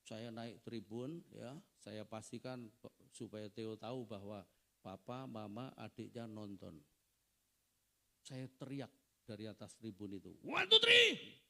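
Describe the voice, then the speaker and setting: A man's voice: on the low side, fairly even intonation, measured pace, creaky, a little mellow. A middle-aged male pastor giving a family seminar sermon, preaching conversationally with frequent asides to the audience.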